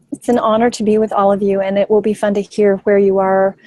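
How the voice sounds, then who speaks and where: Mellow-voiced woman leading a webinar. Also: medium pitch, steady tone, normal speed, no room sound, low-quality recording. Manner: enthusiastic, fluent, teacherly. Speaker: filmmaker leading a webinar workshop. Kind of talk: webinar presentation. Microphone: video call.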